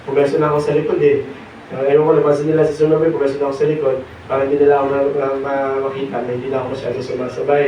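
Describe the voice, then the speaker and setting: A hoarse young man preaching a sermon, mixing in English and pausing on fillers. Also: mid-range voice, little pitch movement, slight background noise. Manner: mixes Tagalog and English, pauses with fillers. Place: church hall. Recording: echoey hall, distant dull mic.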